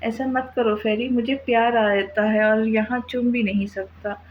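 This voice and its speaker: Woman reading as a gentle doting husband, tender, coaxing, high voice, muffled sound. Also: steady tone, measured pace, a little hiss or hum, lightly acted.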